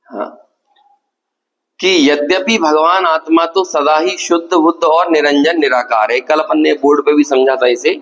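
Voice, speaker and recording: Fairly high-voiced man giving a scripture lecture, recorded in an echoey hall. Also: steady tone, a bit bright. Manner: keeps checking the audience follows, reads passages slowly. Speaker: scripture teacher.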